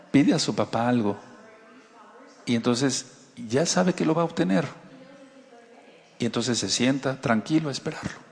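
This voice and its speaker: A man's voice: medium pitch, a little mellow, in a large hall. A man with a Mexican accent, giving a conversational sermon as a Torah teacher and asking his listeners rhetorical questions. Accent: Mexican Spanish.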